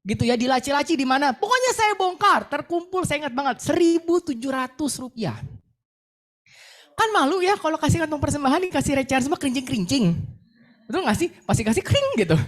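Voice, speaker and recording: A woman's voice: high voice, very animated, brisk. A young adult woman gives a sermon testimony, telling her story vividly and acting out her own words and prayers. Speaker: preacher sharing a testimony.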